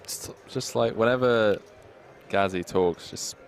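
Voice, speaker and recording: Man, very low voice, gravelly, faint background hiss, bantering poker co-host. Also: slow. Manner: banters, reads chat aloud. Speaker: poker co-commentator. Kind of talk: live stream commentary.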